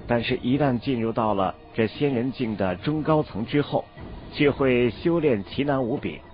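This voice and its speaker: Steady male audiobook narrator. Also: mid-range voice. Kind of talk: scripted novel narration. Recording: dull lo-fi audio, faint background music.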